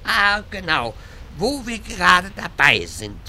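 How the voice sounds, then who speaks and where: A man's voice: high voice, wildly swooping pitch, takes it slowly, bright, forceful tone, a little hiss or hum, full character voice. A man playing a pompous, long-winded wizard in a scripted fantasy comedy. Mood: chatty, self-important. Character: rambling pompous male wizard obsessed with portals.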